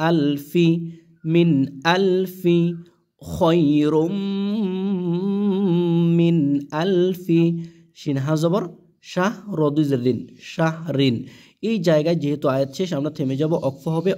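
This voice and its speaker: A man with a slightly high voice and a Bangladeshi Bengali accent teaches Quran reading. He spells out the letters and vowel marks one by one, then recites each word slowly and carefully, and often asks and answers his own questions. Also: a little mellow.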